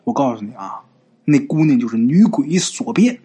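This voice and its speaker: A male storyteller voicing a blunt old Taoist priest who gives low, repeated warnings. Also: big pitch swings, normal speed, mellow, breathy edge. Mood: ominous, hushed.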